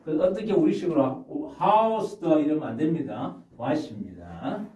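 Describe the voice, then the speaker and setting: A man teaching English phrases to older learners, saying them slowly and then explaining them. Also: a little high, expressive, dark tone. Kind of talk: slow classroom lesson. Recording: muffled, echoey from far off.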